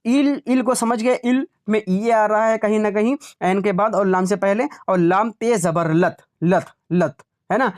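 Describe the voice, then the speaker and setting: A man teaching an online Urdu exam class, repeating example words slowly and checking in with "right?" as he explains. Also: high-pitched, fairly even intonation.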